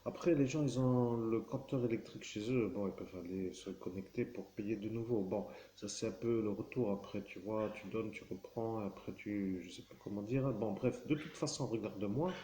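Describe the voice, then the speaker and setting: Low dark-voiced man rambling to the viewer. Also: normal speed, hardly any pauses. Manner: rambling, keeps addressing the listener with "tu vois"; meandering, with frequent fillers and self-corrections. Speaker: vlogger. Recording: roomy echo with faint background noise.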